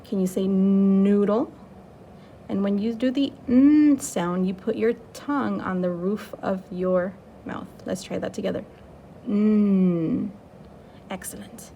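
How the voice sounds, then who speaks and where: A woman teaching young children an early reading lesson, speaking slowly and clearly, drawing out letter sounds and cheering them on. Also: medium pitch, mellow, lo-fi sound, slight background noise. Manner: slow, clear, encouraging teacher talk with drawn-out sounds.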